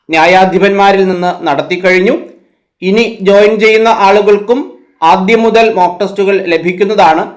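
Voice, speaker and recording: A man, teaching a Bible quiz as host, reading out numbered questions and then giving each answer in a lower, quieter voice.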